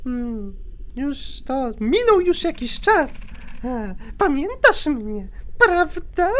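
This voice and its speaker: A man doing a creepy breathy yandere girl. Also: very high voice, sing-song, drawn-out words, a bit bright, pitched above the performer's own voice, exaggerated voice. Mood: sweetly menacing. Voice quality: breathy, whispery, sing-song and taunting. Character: creepy obsessive young woman yandere ex-girlfriend. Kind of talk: dubbing a game's dialogue.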